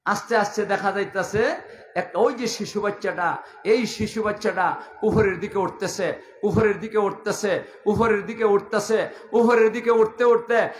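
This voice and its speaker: A man's voice: high voice, moderate pace, reverberant, slight background noise. A man preaching a story-filled sermon with a Habiganj Bengali accent, in a passionate, chanting cadence full of repetition. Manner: impassioned, chanting cadence with repeated phrases.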